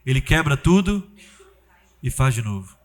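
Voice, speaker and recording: A man preaching a sermon in an animated, conversational way. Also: medium pitch, normal speed. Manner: animated, conversational preaching with acted-out quotes and sudden loud bursts.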